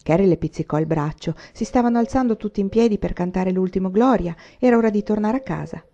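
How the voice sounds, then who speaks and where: A woman reading a novel aloud in a steady, even storytelling manner, in a dull lo-fi recording. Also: medium pitch, quick pace. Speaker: audiobook reader.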